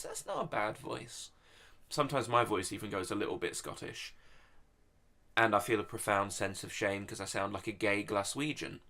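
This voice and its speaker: Gravelly Englishman with a crude comic rant. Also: fairly low pitch, sharp tone. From England. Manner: crude, swearing, absurd mock-serious humor. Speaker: YouTube comedian answering online questions. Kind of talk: comedic rant vlog.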